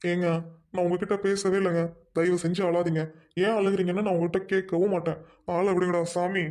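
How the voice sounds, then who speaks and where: A woman playing a gentle, teasing young man. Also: on the low side, flat delivery, fairly quick, natural voice. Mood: coaxing. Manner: soothing, coaxing, lightly joking. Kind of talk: amateur dialogue drama.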